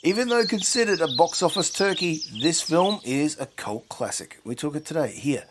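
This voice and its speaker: A man's voice: a little high, animated, normal speed, noisy background. An Australian man hosting a podcast, talking in a playful, easygoing way. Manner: broad, playful, hams up his accent. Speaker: podcast host. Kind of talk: casual podcast chat.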